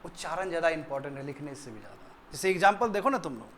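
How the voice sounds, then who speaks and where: Man, high voice, Indian English accent, classroom teacher, quizzing students, faint background hiss. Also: expressive, racing, a bit bright. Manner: quizzing students, repeating answers. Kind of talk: classroom grammar lesson.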